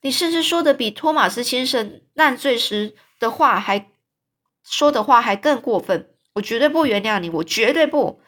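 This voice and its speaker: A woman voicing a furious, skinny, red-haired orphan girl who yells indignantly in a retold storybook. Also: animated, moderate pace. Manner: shrill, yelling, indignant.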